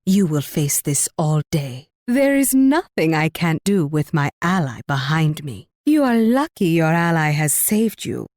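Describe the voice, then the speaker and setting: A woman's voice: deep voice, big pitch swings, unhurried, hardly any pauses, darkish tone, dry recording, clean studio sound. An actress playing a haughty, flirtatious queen in a video game, with a teasing, condescending manner. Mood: coy, taunting. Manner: coquettish, condescending, purring. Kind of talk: video game character voice lines.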